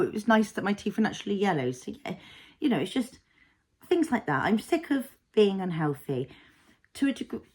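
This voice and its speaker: A woman's voice: medium pitch, slightly rough. A woman in her thirties, a mother and vlogger, talking through her thoughts in a rambling, reflective way full of fillers. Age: 30s. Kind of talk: casual personal vlog.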